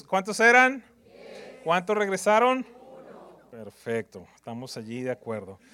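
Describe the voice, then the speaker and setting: Pastor, man; high-pitched voice, preaches with call-and-response, booming one moment, quiet the next. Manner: preaches with call-and-response, shifting between loud proclamation and soft asides. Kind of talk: sermon.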